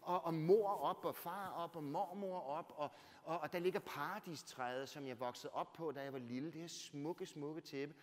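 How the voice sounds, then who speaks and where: Man, author, storytelling talk, fairly high voice, big swings from loud to hushed, long church echo. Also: few pauses. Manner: animated, swinging from loud bursts to near-whispers; rhetorical, keeps adding "right?".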